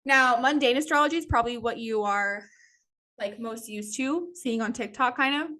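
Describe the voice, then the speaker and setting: A woman's voice: a little high, moderate pace, sharp tone. A woman teaching a casual class, chatty and loose, full of "like" and "um" and frequent little laughs. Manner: chatty, peppered with "like" and "um", laughs often. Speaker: astrology teacher.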